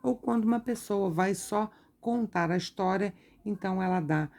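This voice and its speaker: A woman teacher reads from a textbook during an art lesson and explains each point slowly, with tag questions. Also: mid-range voice, darkish tone.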